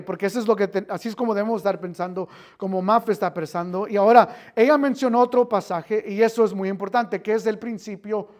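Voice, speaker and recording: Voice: medium pitch, a little mellow. A Bible teacher giving an interactive class, quizzing the listeners, repeating phrases and dropping in English filler words.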